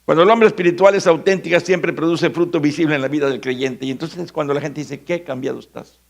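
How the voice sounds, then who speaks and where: A man's voice: a little high, steady tone, fast talker, gravelly. A man with a Mexican Spanish accent preaching a sermon as pastor, dramatic and acting out the voices of biblical figures. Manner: dramatic, acts out biblical voices, shifts from shouting to hushed.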